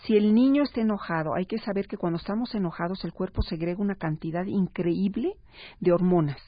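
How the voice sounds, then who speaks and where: A woman, a parenting expert speaking as a guest on a radio talk show, explaining calmly and acting out parents and children. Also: lowish voice, fairly quick, no echo. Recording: slightly dull radio broadcast sound.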